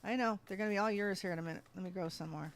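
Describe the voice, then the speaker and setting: A streamer narrates gameplay casually and very fast, their medium-pitched voice set against slight background noise. Much of the talk is directed at the game's animals or at themselves.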